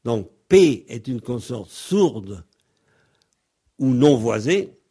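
A husky-voiced man speaks slowly and patiently, teaching on a radio series. He breaks off to sound out consonants one by one as he explains them. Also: medium pitch, very animated, dark tone. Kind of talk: radio language lesson.

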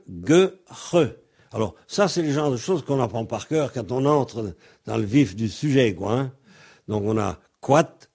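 A husky-voiced man speaks slowly and patiently, teaching on a radio series. He breaks off to sound out consonants one by one as he explains them. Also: medium pitch, darkish tone. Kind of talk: radio language lesson.

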